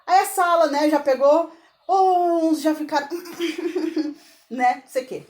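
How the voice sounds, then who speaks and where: A middle-aged woman hosting a podcast retells a story in a relaxed, chatty way. Her somewhat high voice jumps sharply whenever the moment turns dramatic. She keeps breaking off for quick, laughing asides.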